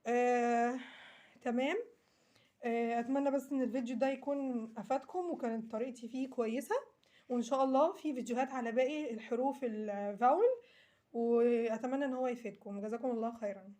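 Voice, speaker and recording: A young woman with a high voice and an Egyptian Arabic accent talks through English letter sounds. She goes patiently, repeating each example word and stressing its sound. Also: steady tone, fast talker, dark tone. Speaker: English teacher. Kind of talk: explaining phonics lesson.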